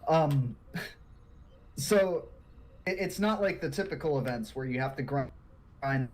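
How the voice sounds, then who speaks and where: A man co-hosting a podcast in casual chat, animated and quick to laugh, often repeating words. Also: medium pitch, slight background noise. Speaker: podcast co-host.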